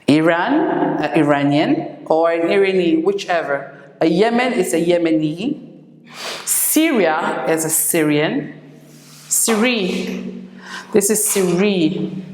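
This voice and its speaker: Slow, low-voiced woman teaching English. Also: expressive, a little mellow. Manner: slow, repeats each word for drilling. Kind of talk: classroom lesson. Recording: echoey room with long reverb.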